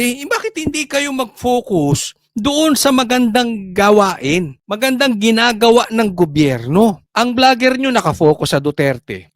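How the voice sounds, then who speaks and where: Filipino guy ranting about politics, high voice, dry close mic, keeps mocking and poking at people. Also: no echo. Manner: animated, mocking, talks straight to viewers. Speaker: political commentary host.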